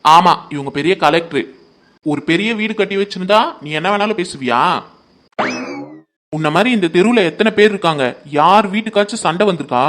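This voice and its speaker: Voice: mid-range voice, lively intonation, fairly quick, a bit bright, close to an everyday voice. A performer voicing a feisty young woman in a cartoon who mocks and defies an old neighbour. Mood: defiant mocking. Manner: mocking, defiant.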